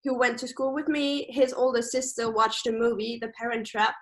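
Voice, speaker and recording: A young Austrian woman, a native German speaker with an Austrian German accent, talks casually about camp, where she works as a staff member. Her voice is fairly high, steady and moderately paced, and the video-call interview is full of fillers and restarts.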